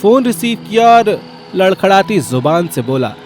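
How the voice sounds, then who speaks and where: Brief: male storyteller, animated and wry, slightly high voice, soft music behind. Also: normal speed. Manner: lively, wry comic narration. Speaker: narrator. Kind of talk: scripted storytelling narration.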